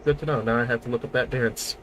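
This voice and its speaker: A man's voice: medium pitch, fairly even intonation, fast, background noise. A man streaming a train game, chatting casually in a jokey, self-mocking way and laughing often. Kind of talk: casual gameplay chat.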